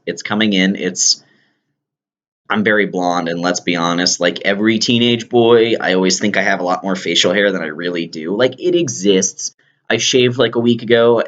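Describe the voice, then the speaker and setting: A man's voice: low-pitched, fairly bright tone. A young man talking to the camera at home in a casual video diary, chatty, rambling and poking fun at himself. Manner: chatty, self-joking, rambling. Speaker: vlogger. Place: indoors at home, wife nearby. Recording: dull lo-fi camera audio.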